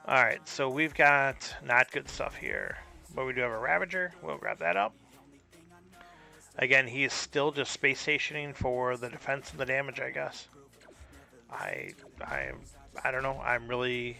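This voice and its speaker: A man's voice: mid-range voice, vocal fry, bright, forceful tone. A man streaming a card game live, thinking aloud and puzzling over his opponent's moves in casual commentary.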